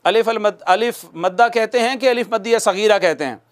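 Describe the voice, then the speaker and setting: A man teaching a recitation class, patiently repeating sounds and asking questions that he answers himself. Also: sits high. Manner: patient, repeats sounds slowly for students to copy. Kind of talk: recitation lesson.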